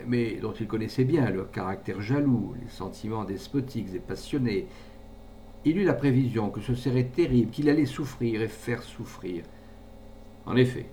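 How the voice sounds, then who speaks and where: Expressive male audiobook narrator. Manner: expressive literary reading. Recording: distant mic with faint rumble.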